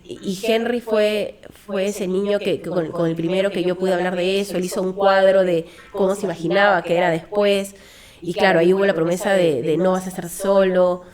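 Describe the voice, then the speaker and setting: A Peruvian woman who founded a children's hospice appears as an interview guest, telling a story in an earnest, reflective way with frequent fillers and restarts. Her medium-pitched voice keeps a steady tone and moves a little fast, with a crowd audible behind her. She speaks with a Peruvian Spanish accent.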